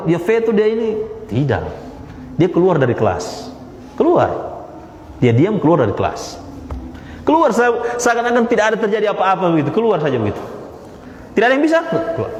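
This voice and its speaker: Male religious teacher with a fairly high, animated delivery and a long hall echo under faint noise. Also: a little fast, pauses often. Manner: lively, repeats key phrases, pitch jumps for emphasis. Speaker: Islamic teacher. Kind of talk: religious study lecture. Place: study gathering with listeners present.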